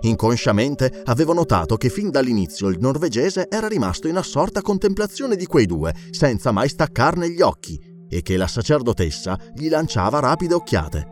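Expressive male audiobook narrator. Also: medium pitch, normal speed, hardly any pauses, soft background music. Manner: expressive reading. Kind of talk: scripted narration.

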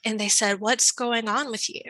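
Bright, candid woman telling her story. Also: on the high side, steady tone, no room sound, poor audio. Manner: candid, fast-flowing storytelling with frequent "I was like". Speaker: interview guest. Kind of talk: personal story in a podcast interview.

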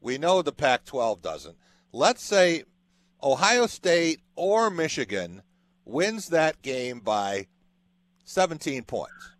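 A man's voice: on the high side, very animated, slow, no room sound. A man hosting a sports radio interview, laying out long hypothetical scenarios for his guest.

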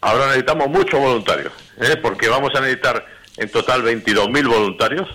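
A man's voice: medium pitch, fast, sharp tone. Man on a choppy, crackling phone line. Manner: explains patiently, repeats details. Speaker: food bank delegate, phone guest. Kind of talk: radio phone interview.

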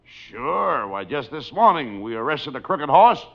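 An American actor playing an exasperated police lieutenant in the manner of a 1930s beat cop in radio comedy. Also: male voice, fairly high pitch, very animated, unhurried, gravelly, heavily acted. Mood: setting up. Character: excitable, exasperated police lieutenant in comic sketch. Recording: dull lo-fi old radio, faint noise.

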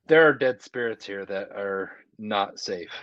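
A guest comedian on a podcast, this man tells a casual anecdote in a lowish, animated, slightly bright voice at an unhurried pace, quoting other people's lines conversationally. He's on a video call from an indoor hallway, so the sound is echoey, dull and muffled.

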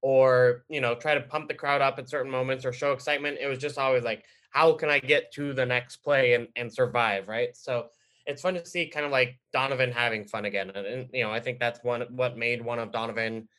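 Bright-voiced young man chatting about sports. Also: mid-range voice, fairly even intonation, fairly quick. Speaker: sports beat writer, podcast panelist. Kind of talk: casual sports chat.

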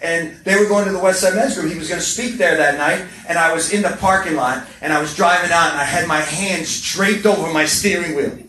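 A man's voice: a little high, fairly quick, few pauses, pushed and bright, far from the mic, slight background noise. A middle-aged man telling stories at a recovery meeting, passionate and humorous, repeating words for emphasis. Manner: passionate storytelling with repetitions and humor. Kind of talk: speaker share talk. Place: meeting hall. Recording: roomy echo from off-mic. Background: faint room ambience.

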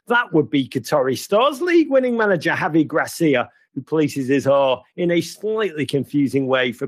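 A man's voice: a little high, husky, no echo. A man hosting a football podcast, giving casual news commentary with wry, playful asides. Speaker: podcast host.

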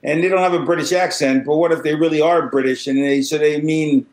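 A man hosting a casual podcast, talking in a slow, jokey drawl as he reads listener mail. His voice sits a little high, and it bounces around an echoey room. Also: fairly even intonation. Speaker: podcast host. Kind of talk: casual chat.

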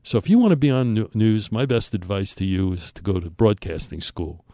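Gravelly older man with a Brooklyn accent. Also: fairly low pitch, fairly quick, warm tone, dry recording, studio quality. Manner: emphatic, conversational. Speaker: storyteller on a talk show. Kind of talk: animated anecdotal storytelling, acting out dialogue.

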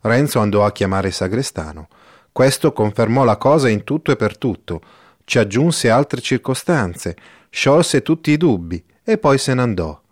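A man narrating a literary novel as an audiobook, in a measured, steady storytelling manner. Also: mid-range voice.

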